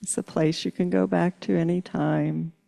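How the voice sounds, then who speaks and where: A woman leading a guided meditation in slow, soothing, drawn-out phrases. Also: lowish voice, level tone, creaky, dark tone. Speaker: meditation leader.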